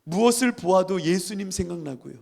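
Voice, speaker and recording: Fervent male pastor, gravelly voice. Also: high-pitched, lively intonation, fairly quick, a little mellow. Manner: fervent, emotional storytelling. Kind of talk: sermon.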